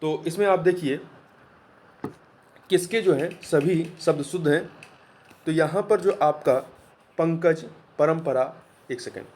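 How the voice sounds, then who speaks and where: A man's voice: on the high side, unhurried, pauses often, darkish tone, slight background noise. A man teaching an exam-prep lesson, explaining answers patiently and repeating key words. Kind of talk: spoken lesson.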